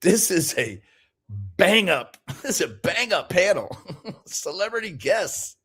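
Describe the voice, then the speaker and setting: A man with a fairly high, bouncing voice that swings up and down as he teases and laughs through his commentary. He talks over a clip in a sarcastic, mocking way. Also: sing-song, slow, fairly bright tone, husky, soft background music. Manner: laughs often, teasing and sarcastic. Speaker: streamer reacting to a call.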